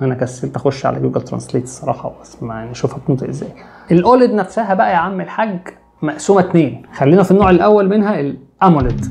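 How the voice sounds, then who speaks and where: Young Egyptian male tech host, quick, gravelly, slangy and joking. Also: mid-range voice, dark tone. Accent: Egyptian Arabic. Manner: joking, chatty, addresses listener with street slang. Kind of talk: comic tech explainer.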